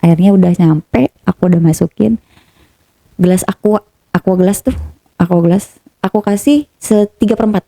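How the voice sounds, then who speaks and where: A woman, a guest telling a story in lively casual talk and switching her voice for the people she quotes. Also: medium pitch, normal speed, vocal fry, pauses often, no echo. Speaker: interview guest.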